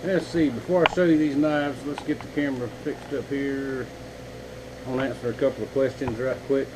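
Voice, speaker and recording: A man's voice: medium pitch, steady tone, brisk, background noise. A man, a knifemaker chatting casually and folksily to his viewers from his home workshop. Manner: rambling, folksy, talks to viewers as y'all. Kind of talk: casual vlog chat.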